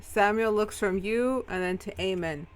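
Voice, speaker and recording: A woman's voice: mid-range voice, a little slow. A woman narrating as game master, casual and a little profane. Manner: casual, swearing.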